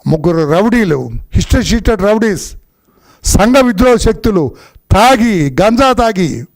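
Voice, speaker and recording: A middle-aged man with a notably high voice delivers a heated political speech. He scolds and accuses, hammering the same phrases again and again in an indignant tone. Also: animated, unhurried. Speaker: politician at a press conference.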